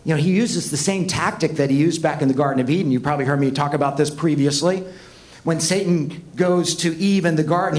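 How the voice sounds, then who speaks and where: A man's voice: fairly high pitch, darkish tone. A man preaching a sermon to students, earnest and emphatic, full of rhetorical questions.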